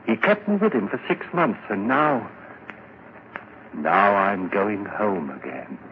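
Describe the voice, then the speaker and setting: Fervent, haunted low-voiced musician. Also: male voice, very animated, exaggerated voice. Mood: haunted, intense. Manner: intense, rhapsodic, dramatic pauses. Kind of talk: 1940s radio drama acting. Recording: muffled, noisy vintage radio recording.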